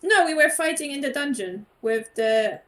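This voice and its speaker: A woman's voice: high voice, animated, normal speed, fairly bright tone. A woman playing in a tabletop game, chatting casually and laughing often. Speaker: player.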